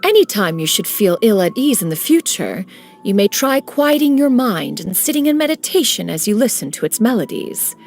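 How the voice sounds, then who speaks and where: In a game cutscene over faint game music, a woman voices an aloof, ancient immortal master who speaks in a stately, archaic manner, calling herself "one," and stays composed. Her mid-range voice is sing-song and a little mellow, with vocal fry and a moderate pace, plus slight hiss or hum.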